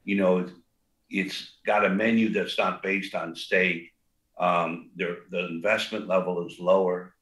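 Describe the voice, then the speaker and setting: The older restaurant co-founder has a big, low voice with little pitch movement and a fairly bright tone, speaking a little slowly. The sound is roomy, and in this casual interview he rambles with lots of fillers and restarts.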